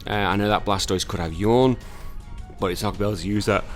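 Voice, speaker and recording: A man's voice: on the low side, quick pace, faint music behind. A tired man recovering from illness, casually commentating a Pokemon battle with lots of fillers and self-corrections.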